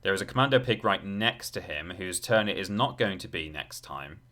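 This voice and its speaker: A man's voice: low voice, expressive, a little fast, bright, forceful tone. A man live-streaming a video game, rambling and thinking aloud as he chats casually with his viewers. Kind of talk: live gameplay commentary with casual chat to viewers. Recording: game music behind the voice. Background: video game music.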